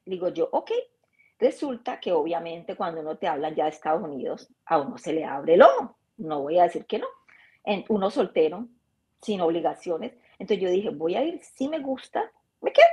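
A woman guest telling her story in a casual, animated way, acting out the dialogue of her anecdotes. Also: on the low side, normal speed, slightly rough. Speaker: interview guest.

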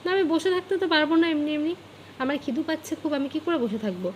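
A mother at home, coaxing and pleading with her sulking child in a gentle, pleading way. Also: expressive, racing, slight background noise. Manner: pleading, coaxing in a high soft voice. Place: home bedroom.

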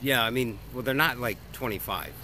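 Man around thirty chatting over clear noise. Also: medium pitch, a little fast, bright, forceful tone. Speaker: comedian's friend. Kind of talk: casual chat, storytelling. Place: outdoors and in a car. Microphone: phone held by companion. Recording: noisy phone audio, car and outdoors.

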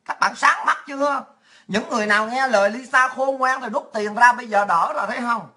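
A woman's voice: fairly high pitch, a little fast, sharp tone. A woman ranting in a coarse, mocking and sarcastic monologue as a political vlogger.

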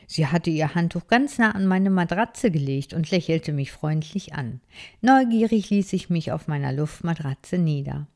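A woman reading a children's story aloud in a gentle, expressive storytelling manner. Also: sits low, moderate pace, vocal fry. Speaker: story reader.

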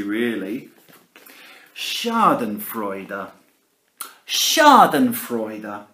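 In a living room, a primary school teacher in his forties reads a picture book aloud to children, theatrical and playful and addressing them directly. His mid-range voice is fairly bright. The home camera recording sounds roomy, with a slight hiss or hum.

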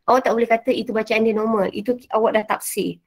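This is a quick, casual revision lesson from a woman teacher with a Malaysian Malay accent. Her voice is fairly high with fairly even intonation, and she mixes in English words among many fillers.

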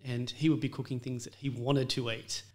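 A man's voice: medium pitch, flat delivery, moderate pace, a little mellow. A man, a chef talking about his career in an earnest, reflective interview manner. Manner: earnest, reflective storytelling with frequent fillers. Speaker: chef and restaurant owner, guest. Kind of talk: casual interview conversation.

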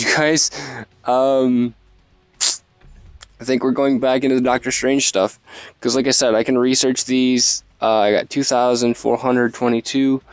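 A man's voice: mid-range voice, clean tone, dry recording. A man hosting a let's play, chatting casually and rambling, mocking himself and laughing often. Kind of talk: casual gameplay commentary.

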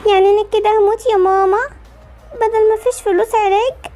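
A self-absorbed teenage girl, played by a woman with an Egyptian Arabic accent, whiny and pleading. Her voice sits extremely high and runs fast. She fits a homemade game story video. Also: steady tone, mellow, faint music behind.

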